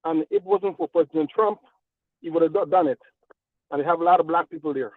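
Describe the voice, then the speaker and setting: A man from Guyana calls in to a radio show and talks quickly, often repeating himself. His voice sits a little high. It comes through a tinny, dry phone line. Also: huge pitch swings, vocal fry, no echo. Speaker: caller. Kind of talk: call-in radio caller.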